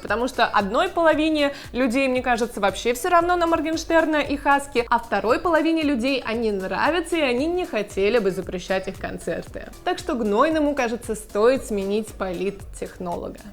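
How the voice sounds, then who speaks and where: High-voiced woman hosting gossip news. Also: animated, a little fast, hardly any pauses. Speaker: host of a blogger news show. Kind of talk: scripted news narration with casual commentary. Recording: music under the voice. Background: background music.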